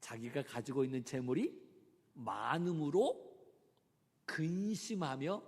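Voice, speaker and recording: A male pastor preaching a sermon dramatically, swinging between loud emphasis and whispers. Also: on the high side, slow pace, in a large hall.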